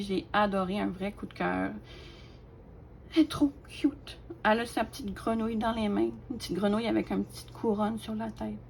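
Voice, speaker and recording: A woman, casually showing off her craft collection, chatty and hesitant with lots of fillers and soft laughs. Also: medium pitch, vocal fry, slight background noise. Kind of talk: casual show-and-tell.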